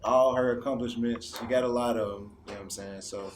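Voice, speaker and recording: A man's voice: medium pitch, fairly even intonation, brisk, background noise. Laid-back young man hosting. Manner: laid-back, keeps saying "you know what I'm saying". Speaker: host. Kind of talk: casual interview talk. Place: small indoor studio set.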